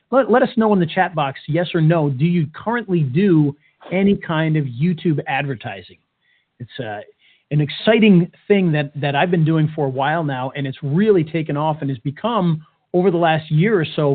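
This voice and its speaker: An upbeat, joking man co-hosting and presenting a casual, informal webinar. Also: a little high. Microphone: webcam webinar call. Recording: tinny, phone-like band-limited webinar audio.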